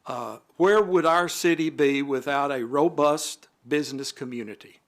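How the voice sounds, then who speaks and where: The alderman's voice is on the high side, creaky and fairly bright, moving at normal speed. He formally reads prepared remarks at a city council meeting, with occasional asides.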